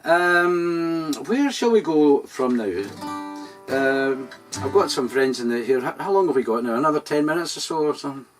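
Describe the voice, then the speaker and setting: A man's voice: a little high, expressive. Scottish man chatting on stage, far from mic. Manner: rambling, halting, with many fillers and restarts. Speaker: singer-songwriter performing a live-streamed show. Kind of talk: casual on-stage chat between songs. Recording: distant mic in a live room. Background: acoustic guitar.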